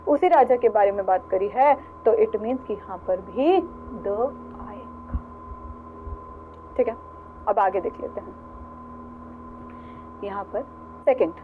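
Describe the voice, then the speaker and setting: Patient woman teacher on a tinny line. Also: a little high. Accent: Indian English. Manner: explains in Hindi with English examples, repeats words slowly, frequent "theek hai"; addresses students as "beta". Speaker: English grammar teacher. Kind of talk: recorded grammar lecture. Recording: tinny phone-like sound with faint hiss.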